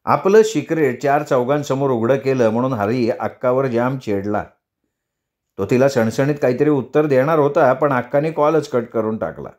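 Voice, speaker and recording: A male storyteller giving measured, expressive scripted narration of a story. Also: medium pitch.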